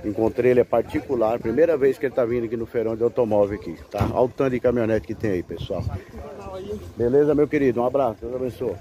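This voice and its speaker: A Brazilian man, a car broker showing a pickup to viewers in a pitchy sales patter, filming with a handheld phone in an outdoor car fair lot. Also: fast, dark tone, lo-fi sound. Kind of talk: walkaround car sales video. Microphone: handheld phone camera held by the speaker. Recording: outdoor phone audio with background noise.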